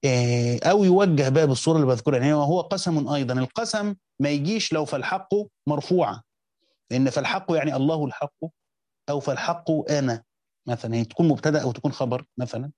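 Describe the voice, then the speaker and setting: A man's voice: fairly high pitch, racing, a little mellow, dry recording. A man with an Egyptian accent, reading passages from a classical commentary and explaining them in a teaching style, often breaking off and restarting mid-phrase. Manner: reads quoted text then explains in colloquial speech, with frequent restarts. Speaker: teacher of Quranic exegesis.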